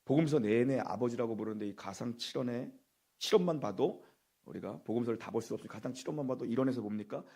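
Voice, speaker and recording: Husky gravelly-voiced man preaching in church, emphatic, repeats himself, quizzes the crowd. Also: mid-range voice, fast, dark tone. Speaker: pastor. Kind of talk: Good Friday sermon. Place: church sanctuary.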